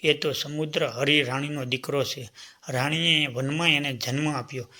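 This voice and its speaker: Steady, earnest herder from a folk tale, unhurried, bright voice, voiced by a male narrator. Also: on the high side. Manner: measured, earnest pleading. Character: loyal male cattle-herder, steady and earnest foster father.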